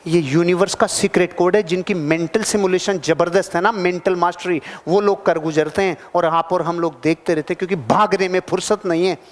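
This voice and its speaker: A man with a high voice gives a motivational talk to a seated crowd. He is animated and swings from loud bursts to low asides, often putting questions to his listeners. His voice rings with the long reverb of a big hall. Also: fairly quick, hardly any pauses. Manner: addresses the audience directly with questions. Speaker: motivational speaker. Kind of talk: live motivational seminar talk. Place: large hall with a live audience.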